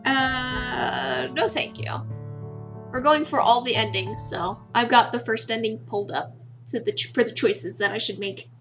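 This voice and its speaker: Bright, high-voiced woman reading a game. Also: brisk, highs cut off, faint music behind. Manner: expressive, laughs often, stumbles over words. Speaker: gamer narrating a visual novel. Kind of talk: reading a visual novel aloud with asides.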